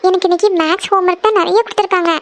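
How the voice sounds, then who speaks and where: A woman's voice: very high voice, fairly even intonation, rapid-fire, dry recording. A woman voicing a curious, nosy schoolgirl little sister in a cartoon, pressing with questions. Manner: prying, insistent questioning. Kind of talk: cartoon voice acting.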